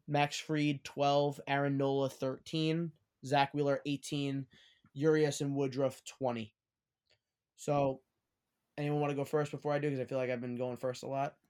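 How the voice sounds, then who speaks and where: A man's voice: mid-range voice, flat delivery, normal speed, a little mellow, clean tone. A man hosting a casual sports podcast with friends, running the segments and trading takes. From Long Island. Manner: chatty, runs the segments. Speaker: podcast host.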